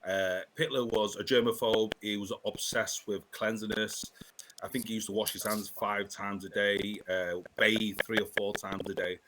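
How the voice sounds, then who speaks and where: A man's voice: fairly low pitch, little pitch movement, normal speed, background noise. A man co-hosting a podcast livestream, jokey and chatty. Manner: jokey, laughing. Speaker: podcast co-host. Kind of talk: casual livestream chat.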